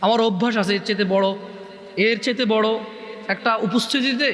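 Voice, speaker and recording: High, bright-voiced man preaching loudly. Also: a little fast. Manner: asks the crowd questions and answers them himself; recites Arabic hadith, then explains it in Bengali. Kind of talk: Islamic sermon to young men. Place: large gathering in a hall. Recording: roomy hall with long reverb.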